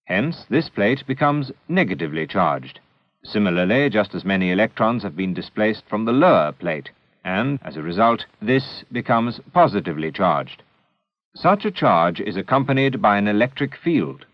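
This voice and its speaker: This is the narrator of a scripted educational film on old 16mm stock, a man with a lowish voice who speaks in a measured, teacherly manner yet comes across as very animated. There's no room sound, and the audio is dull.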